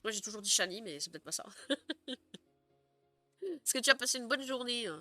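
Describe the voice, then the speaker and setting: A young woman chats loosely with her stream audience, laughing easily and stumbling through fillers as she goes. Her voice sits a little high and rings bright and forward. Faint music plays quietly underneath. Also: animated, normal speed. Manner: chatty, giggly, many fillers. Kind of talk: casual live stream chat.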